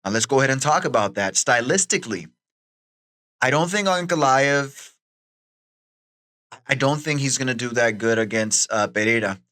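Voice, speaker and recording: A man hosting a podcast alone, giving casual fight recap commentary in a halting, conversational way that repeats words. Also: mid-range voice, lively intonation, sharp tone. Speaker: podcast host.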